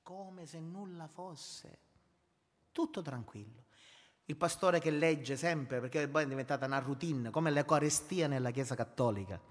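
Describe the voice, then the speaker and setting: A man's voice: mid-range voice, moderate pace, in a large hall. A man preaching a sermon, emphatic and repetitive, calling his listeners brothers. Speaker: pastor.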